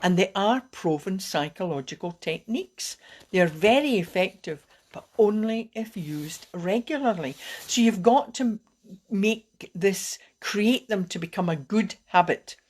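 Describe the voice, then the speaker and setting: A wellbeing coach, a woman with a mid-range voice, teaches calming methods during a live video. She talks a little slowly, gently and encouragingly, often breaking off to begin a sentence again.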